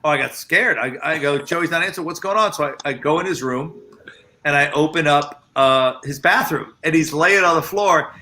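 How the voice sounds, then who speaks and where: Man, bright tone, slightly high, chatty friend telling a story with acted quotes. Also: normal speed. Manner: animated storyteller, quotes others in raised voice. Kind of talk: casual chat.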